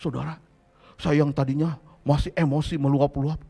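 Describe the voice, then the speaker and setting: A man in his fifties from Indonesia, a pastor preaching a sermon and telling a story, acting out quotes with sudden loud shouts. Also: on the high side, level tone, moderate pace, creaky.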